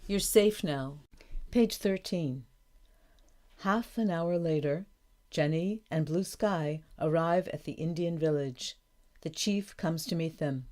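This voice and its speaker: A woman reading a storybook for learners aloud, slowly and carefully, announcing each page. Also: deep voice, darkish tone. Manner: slow, careful, clear reading. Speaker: audiobook narrator. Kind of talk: scripted narration of a graded reader.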